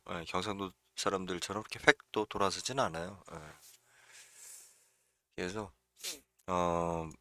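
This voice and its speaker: A man hosting a casual livestream, talking bluntly and chattily. His low-set voice is bright and forceful. The sound is dry and close, with no room in it. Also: dry recording. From Chungcheong region, South Korea. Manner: chatty, blunt, frequent filler "예" and chuckles. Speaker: real estate livestream host.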